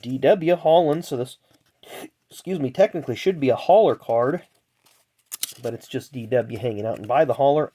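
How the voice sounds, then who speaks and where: A man's voice: mid-range voice, a little mellow, slight background noise. Nasal, congested man, casual rambling commentary. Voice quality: nasal, congested, blocked nose. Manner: chatty, reels off names then adds asides. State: stuffed-up sinuses. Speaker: host of a racing trading card pack-opening video.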